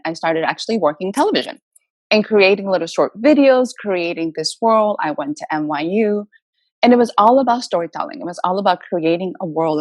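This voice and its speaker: A woman with a lowish voice, an author and motivational speaker, is a guest in a conversational interview, giving emphatic, motivational answers. A native Spanish speaker, she is from the Dominican Republic and moved to Massachusetts as a child. The recording is dry.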